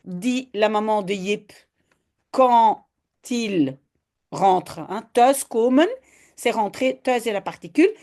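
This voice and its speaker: A woman's voice: medium pitch, lively intonation, takes it slowly, darkish tone. A woman from Belgium, patiently teaching Dutch step by step in an online lesson and often adding "hein".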